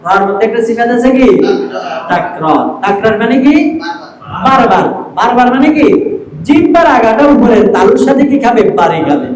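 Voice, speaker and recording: A man's voice: very high voice, lively intonation, normal speed. A man teaching Arabic letter pronunciation in a class, asking questions and then answering them himself, drawing out the letter names. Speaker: Quran recitation teacher. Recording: echoey room, faint hiss.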